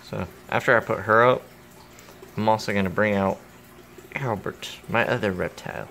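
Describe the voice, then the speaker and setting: Gravelly young man vlogging his reptiles. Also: on the low side, moderate pace, a bit bright. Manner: rambling, joking, talks to his pets. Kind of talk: casual vlog. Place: home, indoors. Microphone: phone camera. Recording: phone recording with faint background noise.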